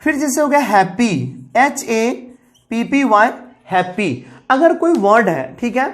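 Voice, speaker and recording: A woman's voice: on the high side, lively intonation, a little slow. A woman teaching an English grammar lesson, explaining step by step, repeating key terms, spelling words out letter by letter and calling her viewers guys.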